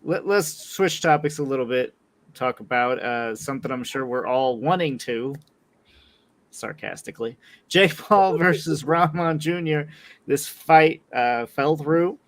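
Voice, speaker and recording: A man hosting a boxing talk show, relaxed and casual, trailing off low at the ends of his phrases. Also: unhurried. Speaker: podcast host. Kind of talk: casual chat.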